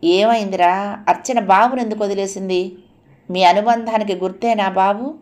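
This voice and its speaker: A woman voicing a calm, kindly elderly father who speaks gently in an audio novel. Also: mid-range voice, normal speed, natural voice. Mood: gentle.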